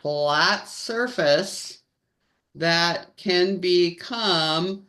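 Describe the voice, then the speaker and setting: A woman's voice: fairly low pitch, a bit bright. A woman co-hosting a casual live-stream chat, stretching her words like a show announcer. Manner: slow, drawn-out announcer-style delivery. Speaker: co-host.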